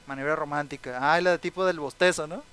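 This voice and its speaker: In this poorly recorded let's-play, a young man comments casually as he plays, reading on-screen text aloud and frequently exclaiming in sympathy. He talks fast in a steady tone, with a voice on the high side that is fairly bright, clear, and resonant.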